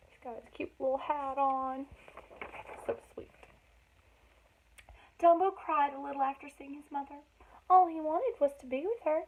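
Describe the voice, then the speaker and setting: Reading a children's story aloud with dramatic emphasis for young listeners, a woman with a high-sitting voice goes a little slowly and pauses often. Her expressive narration is mixed with chatty asides. The recording sounds thin and phone-like, with a narrow band.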